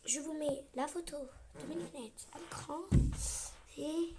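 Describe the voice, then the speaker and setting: The recording is very noisy as a young gaming vlogger talks through her gameplay in a casual way. Her high voice is steady and unhurried with vocal fry, and she complains dramatically, often dropping into a mutter.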